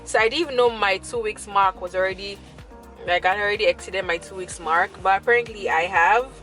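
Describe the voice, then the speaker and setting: A woman's voice: mid-range voice, brisk, a bit bright, soft background music. A woman vlogger chatting casually to her viewers, with informal, emphatic and repetitive wording.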